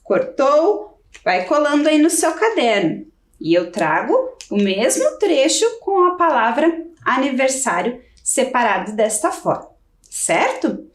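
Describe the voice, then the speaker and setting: A woman's voice: high-pitched, big pitch swings, measured pace. A Brazilian woman teaching a children's video lesson, giving patient step-by-step instructions. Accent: Brazilian Portuguese. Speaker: primary school teacher. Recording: roomy, from off the mic.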